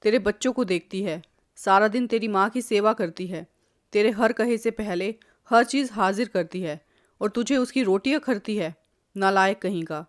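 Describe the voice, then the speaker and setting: A woman's voice: mid-range voice, moderate pace, lightly acted. Older mother-in-law figure, stern, lecturing, read by a woman, storybook. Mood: scolding. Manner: scolding, lecturing.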